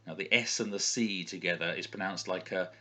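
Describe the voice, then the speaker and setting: Very low-voiced man explaining, haltingly. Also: bright, forceful tone. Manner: hesitant, halting, thinking aloud. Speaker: author explaining name pronunciations. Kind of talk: informal explanatory talk.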